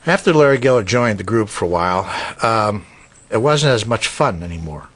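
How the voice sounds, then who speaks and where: A man's voice: fairly low pitch, expressive, moderate pace, fairly bright tone. Hesitant older man reminiscing. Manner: hesitant, reflective, with fillers and restarts. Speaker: interviewee. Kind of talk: documentary interview.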